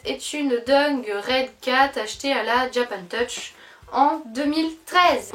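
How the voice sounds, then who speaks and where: A young woman with a high-pitched voice chats casually on her vlog about her doll collection. She's lively and full of fillers and self-corrections, and the room echoes.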